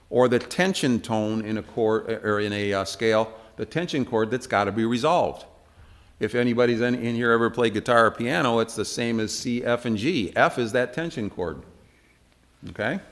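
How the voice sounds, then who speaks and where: A man teaching an informal church Bible study, talking conversationally with many fillers and asking the room questions. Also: mid-range voice. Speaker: preacher teaching a Bible class.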